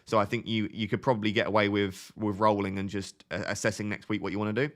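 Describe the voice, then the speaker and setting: A young man in his twenties talks fast in a low-leaning voice with flat delivery while hosting a live stream. He answers viewer questions in a casual, chatty way, thinking aloud and frequently restarting phrases.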